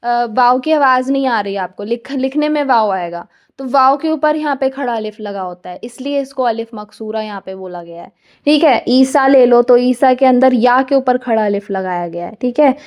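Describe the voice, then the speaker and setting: A young woman lectures students in a high, bright-pitched voice. She explains each point patiently and keeps checking that everyone is following. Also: moderate pace. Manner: patient, repeats "theek hai" to check understanding. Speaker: teacher.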